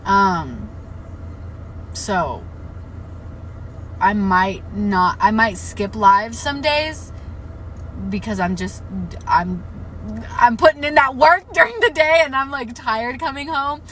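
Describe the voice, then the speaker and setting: A young woman livestreams casual book chat, talking loosely and frankly, swearing freely and filling her speech with "like." Her fairly high voice is bright and edgy but a little hoarse, with lively intonation, a slow pace and long pauses. The recording is low quality, with a faint noise underneath.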